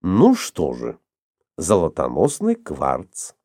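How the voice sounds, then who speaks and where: A cool, sceptical older man who explains things calmly and drily, as a male reader plays him. His voice sits low and mellow. It is measured and unhurried, recorded close and dry. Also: dry recording.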